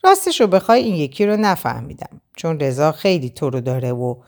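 A woman's voice: low-pitched, sing-song, a little mellow. A woman reading a sly, teasing young man. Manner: playful, teasing. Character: teasing young male friend, sly and warm. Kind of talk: audiobook character reading.

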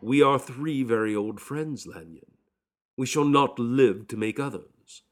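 A man voicing a worried older lawyer who speaks quietly and with restraint. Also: mid-range voice, unhurried, faint music behind, pitched above the performer's own voice, close to an everyday voice. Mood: concerned. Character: worried older male lawyer, old friend.

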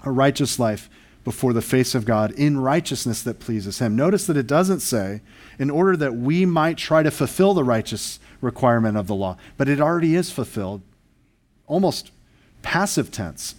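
Man, pastor, sermon, earnest, emphatic, mid-pitched voice. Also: lively intonation, normal speed, a little mellow. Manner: earnest, emphatic preaching with rhetorical questions.

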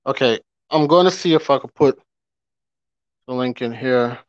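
A man's voice: medium pitch, moderate pace, no room sound. A man hosting a podcast in a casual live-stream rant, emphatic, repeating his points and asking rhetorical questions. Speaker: podcast host. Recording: dry, dull lo-fi audio.

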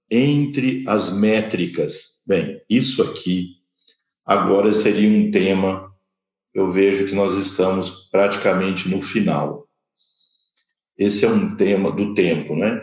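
A man teaching a scripture study class, explaining terms slowly and repeating key words while pointing at slides. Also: low-pitched, darkish tone. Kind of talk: slow explanatory lecture. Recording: echoey room.

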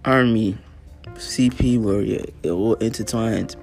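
Gravelly low-voiced man telling his story. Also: fairly even intonation, unhurried, a little mellow, faint music behind. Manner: earnest, frequent throat clearing and fillers. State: tired, yawning. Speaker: podcast host. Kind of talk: casual personal storytelling.

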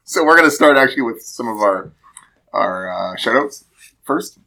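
A man's voice: medium pitch, normal speed, gravelly, poor audio. A man hosting a podcast, chatting casually with his co-hosts and laughing often. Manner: laughs often, relaxed banter. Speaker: podcast host.

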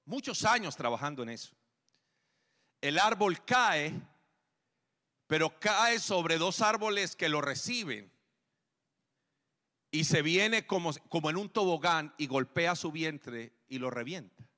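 A pastor preaching a sermon, whose delivery swings between emphatic raised calls and quiet, hushed stretches. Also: male voice, a little high, lively intonation, slow pace, long pauses, in a large hall. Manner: preaching with rising emphatic calls and soft drops.

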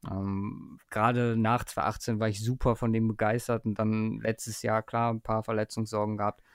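A man's voice: fairly low pitch, little pitch movement, normal speed, clear, resonant tone, no room sound, studio quality. A man hosting a casual sports podcast, talking with many hesitations and fillers as he leads the conversation. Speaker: podcast host.

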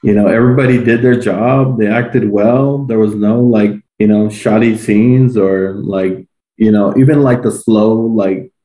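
A man's voice: lowish voice, fairly even intonation, a little slow, dark tone, echoey room, rough recording. A man co-hosting a podcast, chatting casually and rambling with lots of fillers about a movie. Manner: laid-back, rambling with many fillers. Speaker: podcast co-host. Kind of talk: casual movie review chat.

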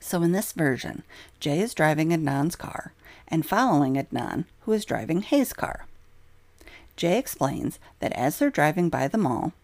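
Low-pitched woman narrator, emphatic scripted delivery, dry close sound. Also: very animated, normal speed, darkish tone, no room sound. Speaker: true crime narrator.

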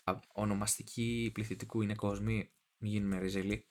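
Joking young podcast host. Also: male voice, lowish voice, flat delivery, darkish tone. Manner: joking, teasing, talks over his partner. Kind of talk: casual chat.

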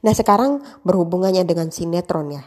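A young woman talks in a loose, rambling way, full of fillers and restarts. Her voice is low-pitched and mellow, with a relaxed, unhurried flow. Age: young adult. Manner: rambling with many fillers, practicing emcee phrasing. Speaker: aspiring host. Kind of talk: casual monologue.

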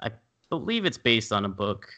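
A man with a fairly low voice and a bright, forceful edge describes films in easy, loose podcast talk. He often pauses to find his words. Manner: relaxed, loosely searching for words. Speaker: podcast co-host. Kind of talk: casual chat.

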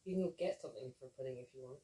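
A woman's voice: extremely low pitch, very fast, rough recording. A woman co-hosting a podcast, chatting casually and sounding tired. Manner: tired, relaxed banter. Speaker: podcast co-host. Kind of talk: casual chat.

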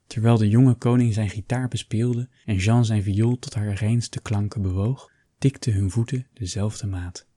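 A man reading a historical novel aloud in measured, even narration. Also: lowish voice, dry recording. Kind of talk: scripted audiobook narration.

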